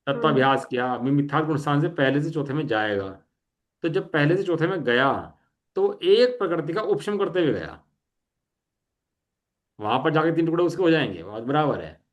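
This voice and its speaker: A middle-aged man teaching a study class, reading definitions slowly and asking students to check their understanding. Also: on the high side, animated.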